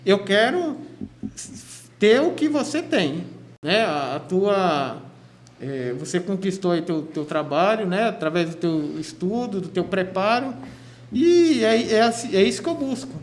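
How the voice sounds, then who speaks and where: As a radio interview guest, a Brazilian PE teacher from Cubatão, São Paulo state, narrates his story with plenty of restarts and a chatty tone. He speaks in a high, very animated voice without hurrying, in an echoey room with faint noise.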